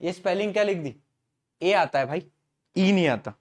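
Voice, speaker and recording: A man teaching an online science class in speech, asking students questions and using stories as memory aids, often clearing his throat. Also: high-pitched, expressive, moderate pace. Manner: asks students questions, uses story mnemonics.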